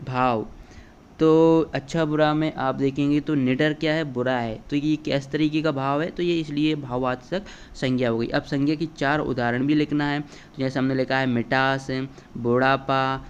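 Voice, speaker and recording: A man's voice: mid-range voice, lo-fi sound, slight background noise. A male teacher walking children through an exam paper step by step, checking in often as he explains. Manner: explains step by step, addresses children, repeats "है ना" and "ठीक है". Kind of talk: exam paper walkthrough lesson.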